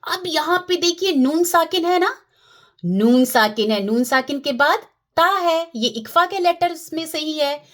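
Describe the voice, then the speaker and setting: Slow patient lady teaching quran recitation, keeps asking "ok?", high voice. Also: expressive, fairly bright tone. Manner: repeats and checks understanding, demonstrates sounds.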